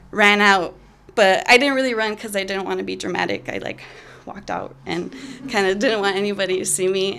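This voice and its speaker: A young woman in her twenties telling a personal story in a candid, halting way with many fillers. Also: mid-range voice, creaky, a bit bright. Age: 20s.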